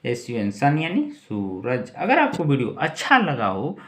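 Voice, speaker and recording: A man's voice: medium pitch, wildly swooping pitch, unhurried, a bit bright. A man teaching English words to Hindi speakers, spelling each word out letter by letter and repeating it, often checking in with "theek hai". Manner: keeps checking in with "ठीक है". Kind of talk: spelling and vocabulary lesson.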